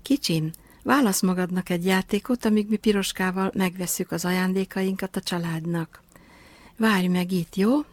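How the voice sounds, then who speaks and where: Lady reading a gentle calm mom, dry close sound. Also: on the low side, no room sound, natural voice. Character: caring mother, warm and calm.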